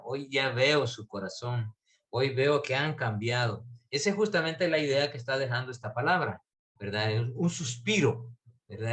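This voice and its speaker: A man teaching a Bible class, talking in a halting way with many fillers and restarts. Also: mid-range voice, a bit bright.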